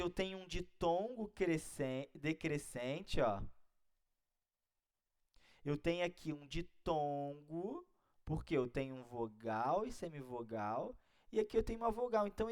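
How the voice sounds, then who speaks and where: Animated Brazilian male grammar teacher. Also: fairly high pitch. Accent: Brazilian Portuguese. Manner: didactic, keeps checking in with listeners. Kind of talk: exam-prep grammar lesson.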